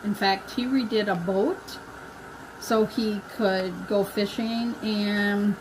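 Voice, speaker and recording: A woman's voice: mid-range voice, steady tone, slow, noisy background. A middle-aged woman hosting a live craft stream, chatting casually with viewers and talking to herself as she paints. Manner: chatty, talks to herself and to viewers, laughs at her own slips.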